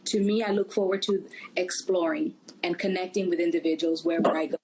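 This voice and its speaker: A woman's voice: lowish voice, steady tone, a little fast, darkish tone, husky, low-quality recording. A middle-aged woman from Puerto Rico, a guest speaking in a casual interview, conversational and full of "you know" fillers. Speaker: travel company founder, guest. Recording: faint background noise.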